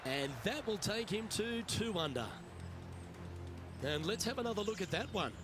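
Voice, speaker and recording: A man's voice: high-pitched, animated, normal speed. A man playing a composed, upbeat TV-style lead golf commentator for a video game. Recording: crowd and music behind.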